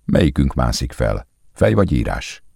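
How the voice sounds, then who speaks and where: A nervous young coworker speaks uneasily in an audiobook reading, as a male narrator puts him on. His voice is lower than most, with a husky and gravelly edge. The close recording is dry. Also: very animated, darkish tone, no room sound, heavily acted. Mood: uneasy.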